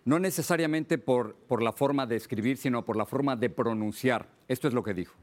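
A man's voice: medium pitch, a little fast. A man hosting an interview, asking his guest direct, conversational questions. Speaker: interview host.

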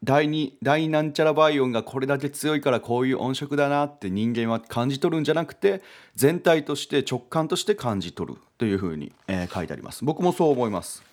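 A man's voice: mid-range voice, animated, a little fast, hardly any pauses, a little mellow. A man hosting a casual music lesson, thinking aloud with many fillers and correcting himself as he explains.

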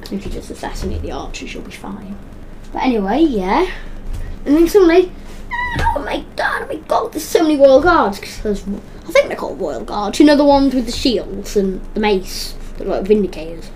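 A woman hosting a podcast, chatting casually about a video game in a rambling, excitable way and often correcting herself mid-sentence. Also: mid-range voice, a little hiss or hum. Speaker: podcast host. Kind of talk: casual gaming chat.

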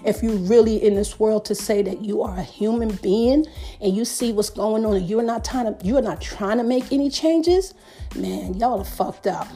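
A woman's voice: mid-range voice, moderate pace, mellow, soft background music. A middle-aged woman hosting a podcast, ranting emphatically in profane street slang. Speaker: podcast host.

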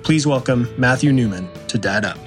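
Enthusiastic male announcer read, mid pitch, faint music behind. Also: lively intonation, moderate pace. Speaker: podcast host. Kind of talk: scripted show introduction.

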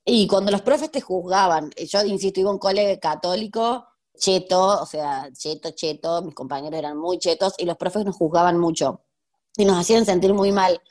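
Her pitch is fairly low and her tone darkish, and she speaks at normal speed. In this conversational interview, the Rioplatense Spanish-accented history teacher in her thirties laughs frequently and uses many fillers.

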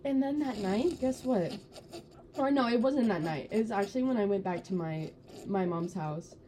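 A young woman co-hosting a casual chat podcast, telling stories in an animated way and acting out her younger self. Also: mid-range voice, moderate pace. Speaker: podcast co-host.

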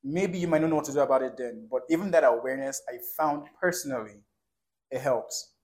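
In a mid-range, darkish voice at a slightly fast clip, this podcast co-host chats casually, rambling earnestly and repeatedly asking "do you understand."

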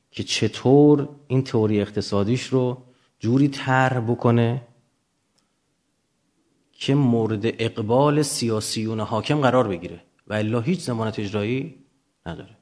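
A man gives an extemporaneous lecture in a mid-pitched voice. He explains things didactically, setting up questions and then answering them as a teacher does with students. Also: darkish tone.

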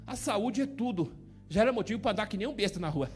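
A man's voice: high-pitched, expressive, fast, soft background music. A man with a Brazilian Portuguese accent preaching an informal sermon, joking in a folksy way and often checking that his listeners follow him. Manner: folksy, joking preacher who keeps asking the listener "tá entendendo?". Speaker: pastor.

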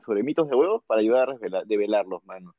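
Casting: lively, quick jokey storyteller guy, dry and thin, phone-like sound. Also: lowish voice, no echo. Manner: animated, jokey, acts out quoted voices. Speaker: guest storyteller. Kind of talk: casual chat.

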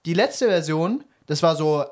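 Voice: mid-range voice, expressive, unhurried, a little mellow. A young adult co-host telling a long story in casual chat, rambling with slang and fillers like "bla bla bla".

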